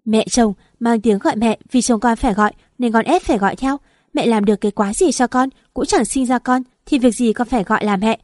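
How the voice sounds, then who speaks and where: A woman voicing a distraught, sharp-tongued young pregnant wife in an audio story, raised and loud. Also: on the high side, quick pace, few pauses, dry recording, studio quality, lightly acted. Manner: shouting, rude.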